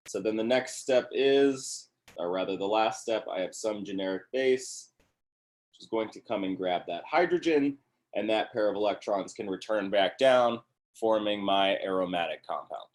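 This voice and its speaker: A man's voice: lowish voice, moderate pace. A man lecturing a class on organic chemistry in an upbeat review, often checking in with the class.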